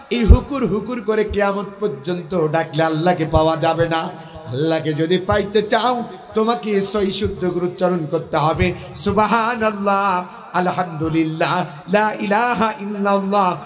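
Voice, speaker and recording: A man from Bangladesh delivers a sermon. His voice sits high. He mocks and asks rhetorical questions, dropping to quiet asides and then rising to full shouts. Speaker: preacher.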